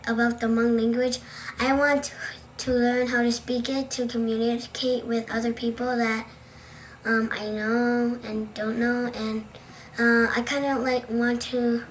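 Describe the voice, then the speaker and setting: A teenage girl from the United States speaking in a halting, unsure way in a documentary interview. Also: fairly high pitch, flat delivery, slight background noise, poor audio. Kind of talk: personal testimony in a documentary interview.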